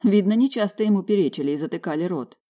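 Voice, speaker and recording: A woman narrating a first-person audiobook, expressive and lively in the dialogue. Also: mid-range voice, fast talker.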